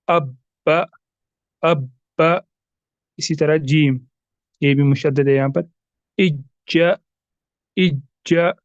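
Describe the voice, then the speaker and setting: A man's voice: a little high, a little mellow, no echo, highs cut off. A man teaching tajweed in a recorded lesson, patiently repeating examples and asking and answering his own questions. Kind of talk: recorded lesson explaining rules.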